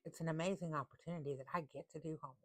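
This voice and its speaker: This tarot reader, a woman with a low voice, walks through a casual reading while slowly and deliberately reading the cards' text. She repeats things for emphasis and keeps a steady tone.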